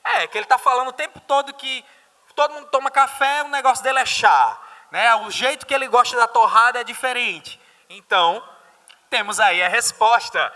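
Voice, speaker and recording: Brazilian man, English teacher at a live class, high and very bright voice, reverberant hall. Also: normal speed. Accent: Brazilian Portuguese. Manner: mixes English phrases into Portuguese explanation, asks students questions. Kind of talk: live exam-prep class.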